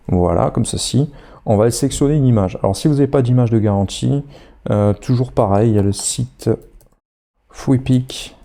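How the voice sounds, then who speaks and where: A man with a head cold talks through an online course in a screen-recorded tutorial, going step by step in a chatty, hesitant way full of fillers. His voice is fairly low with vocal fry and a dark tone.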